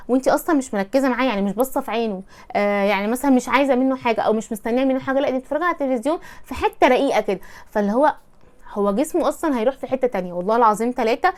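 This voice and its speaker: A woman with an Egyptian accent giving casual advice, chatty and slipping into playful mock voices to act out little scenes. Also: sits high. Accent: Egyptian Arabic. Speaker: advice presenter.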